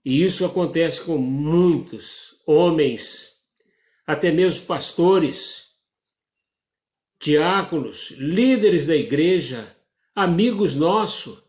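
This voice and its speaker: A man with a Brazilian Portuguese accent preaching a sermon in a church, slow and measured, with dramatic drops in his voice. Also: a little high, animated, darkish tone, echoey room.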